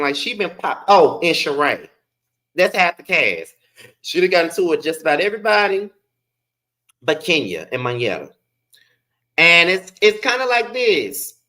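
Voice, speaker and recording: A man's voice: fairly high pitch, pushed and bright. A man with a lisp and slushy s sounds, giving sassy, slangy, chatty live commentary as a review host. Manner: sassy, slangy, emphatic with swearing.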